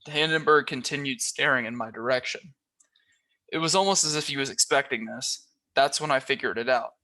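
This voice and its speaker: A volunteer reader, a man with a mid-range voice, reads a children's novel aloud at a brisk clip. He tells the story with energy and alters his voice slightly for each character.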